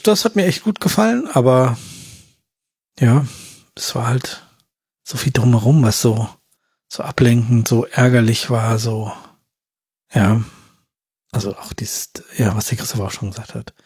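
A man's voice: mid-range voice, darkish tone, slightly rough, dry recording, clean studio sound. A man in casual film-review chat, rambling and slangy, trailing off mid-sentence. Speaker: film podcast co-host.

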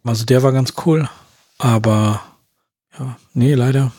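Male podcast co-host, husky and dry, rambling casual review talk. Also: medium pitch, steady tone, unhurried, mellow, no echo. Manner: rambling, trails off, slangy. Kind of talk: casual film review chat.

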